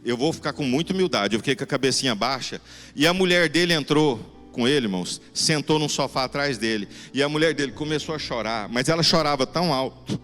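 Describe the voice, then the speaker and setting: A man with a Goiás accent preaching in a church, telling a testimony in an animated, conversational way to the congregation. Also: medium pitch, fairly quick. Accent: Goiás Brazilian Portuguese. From Goiás, Brazil. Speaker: guest preacher. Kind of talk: sermon testimony storytelling. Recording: church hall reverb, faint music.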